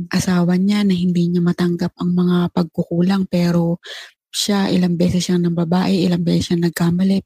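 A woman tells a personal story in a casual, unpolished way, often stopping to restart her sentences as she retells what was said. Her voice is husky and mellow, with a flat, level delivery. The recording is dry, with no room sound. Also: on the low side, dry recording. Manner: retells dialogue with many "I said" tags and halting restarts. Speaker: storyteller recounting a personal experience.

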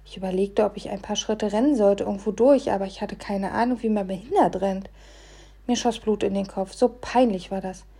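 A woman narrating an audiobook in the first person, expressive, dropping to a hush and rising again with the scene. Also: mid-range voice, brisk, creaky, husky. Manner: expressive, shifts between hushed and loud for the scene. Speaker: audiobook reader.

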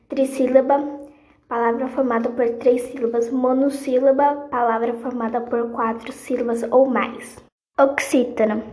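A woman reading a grammar lesson aloud in a slow, halting way, restarting on some words. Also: sits high, husky.

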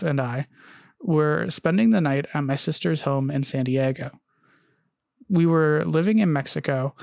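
A man hosting a casual storytelling podcast. He has a gravelly voice pitched a little high. He recounts events haltingly, with many "uh"s and restarts, and the sound is close and dry. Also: a little mellow, no echo. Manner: hesitant, frequent "uh" and restarts, reads long quotes aloud. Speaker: podcast host.

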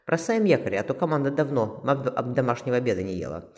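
A man reading an audiobook, voicing a brisk, commanding ship's admiral. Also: medium pitch, very animated, close to an everyday voice.

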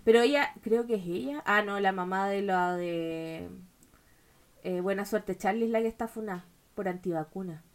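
A young woman with a Chilean Spanish accent co-hosts a casual talk. Her voice sits at an ordinary mid pitch, and she chats and teases with plenty of laughter. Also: normal speed. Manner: teasing, chatty, laughing. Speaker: podcast co-host. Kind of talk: casual chat.

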